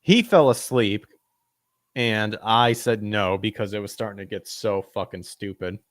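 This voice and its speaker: A man speaks at a measured pace in a fairly low voice, captured in studio quality with no room sound. He hosts a podcast where he reads the news and makes fun of it through sarcastic remarks, laughing at his own jokes while stumbling over words.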